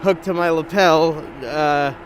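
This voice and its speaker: Taking his time, a bike vlogger speaks in a higher-leaning voice with fairly even intonation, muffled a little by his balaclava. He thinks aloud casually and hesitantly while riding an electric bike on a trail, and a gimbal camera or windscreened lapel mic captures him alongside wind, motor and traffic sounds.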